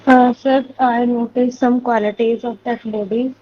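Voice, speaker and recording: A woman's voice: a little high, steady tone, measured pace. A female student answering her teacher's question in class. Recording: dull lo-fi connection, faint noise.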